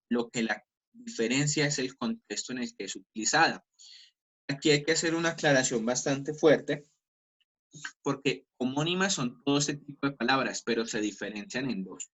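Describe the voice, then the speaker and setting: Colombian guy teaching class over video call, bright tone, spells stuff out slow. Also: medium pitch, rough recording. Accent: Colombian Spanish. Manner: explanatory, slows down to spell out examples. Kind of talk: online class lecture.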